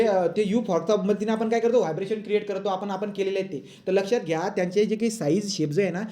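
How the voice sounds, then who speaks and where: A man's voice: sits high, warm tone. A male physics teacher giving a classroom lecture, mixing English textbook phrases into his explanations and often asking pupils if they follow. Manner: asks pupils frequent check questions; mixes English textbook lines into Marathi.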